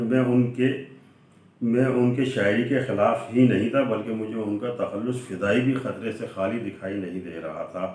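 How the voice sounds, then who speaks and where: A man reading aloud a humorous prose sketch in a measured storytelling manner, slipping into quoted dialogue as he goes. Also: lowish voice, a little mellow. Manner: measured storytelling delivery, voicing quoted dialogue within the narration. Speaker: reader of a humorous essay. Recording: very echoey room, voice from far off the mic.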